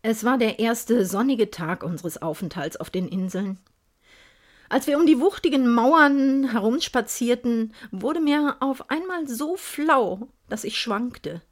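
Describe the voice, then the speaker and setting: Unhurried woman reading a story aloud. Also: fairly high pitch, lively intonation. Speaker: narrator. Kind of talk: first-person story reading.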